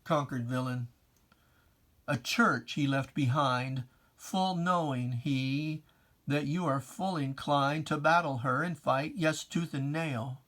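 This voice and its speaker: Here a medium-pitched, slightly bright voice reads solemn verse slowly and theatrically. It's a scripted, declaimed poetry performance with emphatic delivery and deliberate pauses, speaking straight to a foe in archaic, preacherly language.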